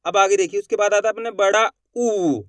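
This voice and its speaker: A man teaching a Hindi alphabet lesson, asking the class questions and drawing out each sound slowly. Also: high voice, dry recording.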